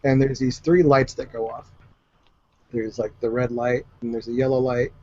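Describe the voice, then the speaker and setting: A man's voice: mid-range voice, little pitch movement, moderate pace, warm tone, no room sound. Rambling man running a tabletop game. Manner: rambling, loose, full of fillers and asides. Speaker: game master. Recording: dull lo-fi recording.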